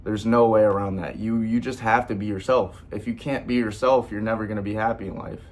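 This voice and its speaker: A man's voice: fairly low pitch, steady tone, a little fast, a little mellow. A young man vlogging in a casual, earnest, rambling way, full of slang and repeated fillers. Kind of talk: casual heartfelt vlog talk.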